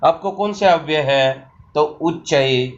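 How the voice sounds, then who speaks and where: A man teaching a Sanskrit grammar lesson for exam prep, explaining slowly and giving example sentences. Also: fairly high pitch, lo-fi sound.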